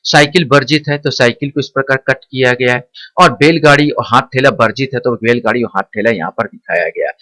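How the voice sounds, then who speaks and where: A male teacher giving an exam-prep lecture, explaining slowly and repeating key points as he quizzes the listener. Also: mid-range voice, fairly bright tone, dry recording. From India.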